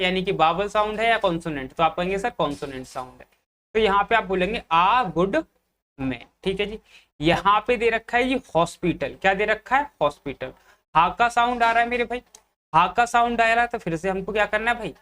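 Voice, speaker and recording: A man's voice: high-pitched, a bit bright. A man giving an exam-prep grammar lecture. He keeps checking in with his students, calls them brother, and asks questions that he then answers himself. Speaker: English grammar teacher.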